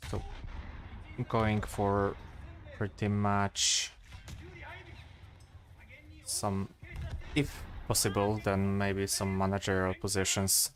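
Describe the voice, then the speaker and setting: A man in his twenties with a Polish accent chats casually with his stream viewers, thinking out loud with pauses and fillers. His voice is on the low side and his delivery is completely flat.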